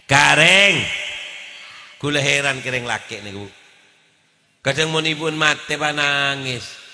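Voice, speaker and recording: A man preaching a lively, joking sermon, switching between chanted prayers and shouted punchlines. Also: a little high, in a large hall. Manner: animated, mixes jokes, chants and shouted lines. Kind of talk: humorous Islamic sermon.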